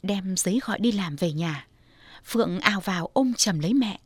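Woman narrating a story, calm and even, dry close recording. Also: medium pitch, moderate pace, slightly rough, no room sound.

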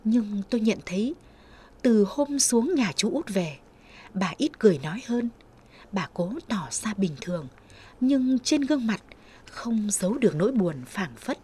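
Woman reading a story, slow and breathy, pitch going up and down a lot. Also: lively intonation, dark tone. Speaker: narrator. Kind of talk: first-person story narration.

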